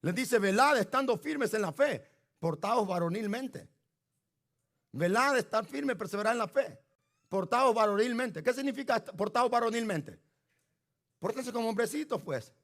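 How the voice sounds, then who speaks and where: Male pastor, fiery sermon, very high voice, gravelly, shouts at the congregation. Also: animated, moderate pace. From Latin America. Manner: shouting, preaching, exhorting the congregation. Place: church. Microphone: handheld microphone.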